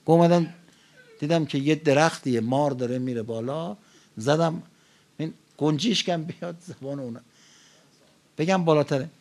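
Man, from Iran, preacher, storytelling sermon, somewhat high voice, conversational. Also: pauses often. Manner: conversational, swells loud and high at climaxes.

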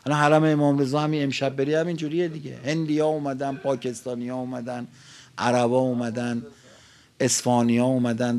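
Persian man giving a lively sermon. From Iran. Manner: conversational, swells loud and high at climaxes. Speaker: preacher. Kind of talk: religious sermon with storytelling.

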